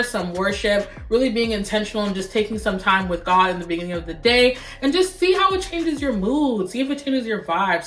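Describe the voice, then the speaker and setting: A woman's voice: medium pitch, a bit bright. A young woman vlogging casually to camera, playful and sing-songy, breaking into little chants. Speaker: YouTube vlogger. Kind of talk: casual vlog chat to camera. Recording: roomy echoey room.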